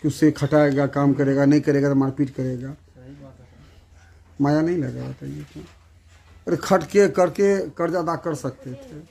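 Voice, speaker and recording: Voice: medium pitch, steady tone, unhurried, creaky, long pauses, dark tone. A reporter, asking pressing questions in a field interview.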